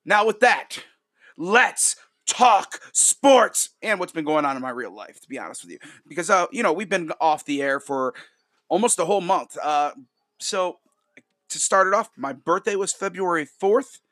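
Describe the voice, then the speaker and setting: A man with a fairly high, forceful voice hosts a sports podcast. He talks casually and gives opinions emphatically, doubling phrases for punch. The sound is dry and close. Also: animated, moderate pace, no room sound. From Rochester, New York, United States.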